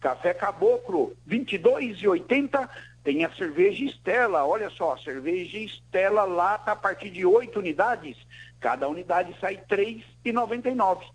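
A man's voice: high voice, lively intonation, normal speed, slightly rough, rough recording. A Brazilian man presenting a live promotional read-out of prices on the radio. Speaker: radio reporter presenting store offers.

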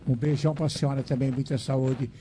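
A man's voice: medium pitch, steady tone, a little fast, dark tone, a little hiss or hum. An older Brazilian man hosting a radio talk show, chatting fondly with callers and adding preachy asides. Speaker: radio host.

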